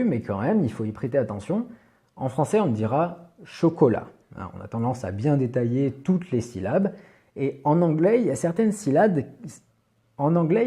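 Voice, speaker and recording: A man's voice: mid-range voice, mellow. A man teaching English pronunciation in a video lesson, speaking patiently and carefully, with frequent small fillers. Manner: patient, slow, with many "bah" fillers.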